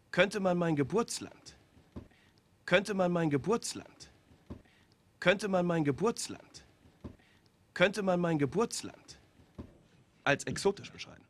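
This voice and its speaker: An actor playing a uniformed officer who leads a guessing game at a table, giving playful instructions in a film scene. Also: male voice, sits high, full character voice. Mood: quizzing. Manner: instructing, playful, laughs often. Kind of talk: film dialogue.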